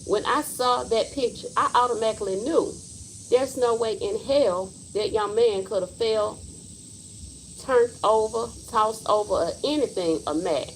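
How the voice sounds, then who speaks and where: A woman in her forties hosts a casual livestream, speaking bluntly and emphatically in an unhurried voice on the high side. The recording is low quality, with slight background noise.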